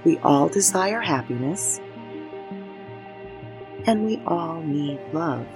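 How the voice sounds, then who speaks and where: A woman guiding a meditation as host, speaking in measured, instructional phrases. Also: sits low, expressive, over music. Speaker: meditation guide and show host. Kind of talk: guided meditation, scripted narration.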